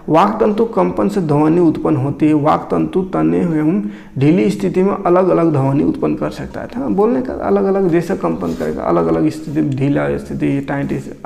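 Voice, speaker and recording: Male science teacher, slightly high gravelly voice, reads then explains loosely. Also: darkish tone. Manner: explains textbook lines then retells them in casual dialect. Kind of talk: classroom science lesson.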